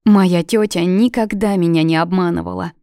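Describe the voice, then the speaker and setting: A woman's voice: lowish voice, fairly even intonation, normal speed, gravelly, dark tone, dry recording, clean studio sound. A woman voicing a stubborn, shy young witch who talks in a flustered, defiant way.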